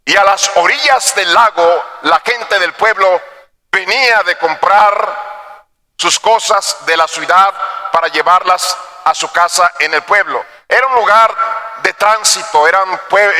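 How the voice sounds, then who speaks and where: A male pastor with a high, bright, ringing voice delivers a sermon to his congregation. He drops to a hushed storytelling tone, then climbs to loud, pleading exhortations. The sound carries the long reverb of a church sanctuary. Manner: addresses the congregation as brothers.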